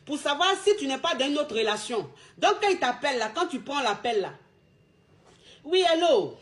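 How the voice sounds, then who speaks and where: A woman's voice: high-pitched, animated, brisk, a bit bright. A woman giving relationship advice as a coach, in a casual monologue with emphatic, repetitive street slang.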